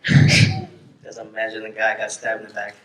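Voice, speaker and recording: A film director from Thailand, raised in Florida, talking casually at a festival Q&A and laughing often. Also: male voice, lowish voice, huge pitch swings, normal speed, a bit bright. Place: screening venue with audience. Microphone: far from the mic. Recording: echoey room, heard from a distance.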